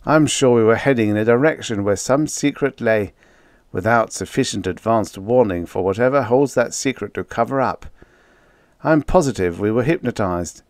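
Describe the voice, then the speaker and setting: A man voicing a calm but insistent male fighter pilot. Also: lowish voice, no room sound. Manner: earnest, insistent.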